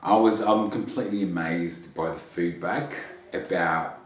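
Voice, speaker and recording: A man's voice: low voice, unhurried, slight background noise. An Australian man being interviewed about his memoir, talking in a bubbly, earnest way with repeated words. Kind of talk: casual interview chat. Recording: roomy echo.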